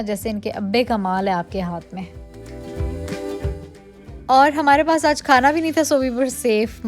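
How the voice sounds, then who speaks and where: A young woman vlogging casually about a day out with her toddler. She talks chattily to her viewers and coaxes her child playfully. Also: on the high side. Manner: chatty, addresses viewers politely. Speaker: lifestyle vlogger. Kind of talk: casual vlog chat and voice-over. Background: background music.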